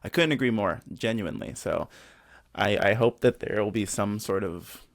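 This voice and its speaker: A man's voice: lowish voice, moderate pace, vocal fry. A man hosting a podcast, affirming and encouraging his guest with frequent agreement. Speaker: podcast host. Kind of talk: casual podcast interviewing.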